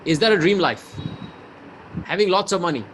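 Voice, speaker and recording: A man's voice: high-pitched, normal speed, noisy background. A man from India with an Indian accent, a business mentor leading a live webinar with rhetorical questions and mixing in Hindi. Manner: energetic, rhetorical, reads out chat replies, mixes in Hindi.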